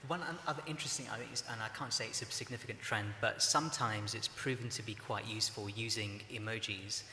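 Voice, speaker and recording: Low flat-voiced man on a panel. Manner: measured, explanatory, many fillers. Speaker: panelist from a broadcaster's social news team. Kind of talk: conference panel discussion. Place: conference hall, live panel. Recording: echoey hall with faint noise.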